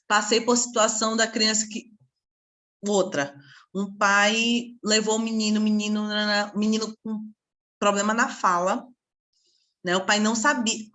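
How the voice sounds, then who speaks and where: Lively woman telling case stories. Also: fairly high pitch. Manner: lively storyteller, acts out dialogue with parents. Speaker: psychopedagogy teacher. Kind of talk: casual online class with case stories.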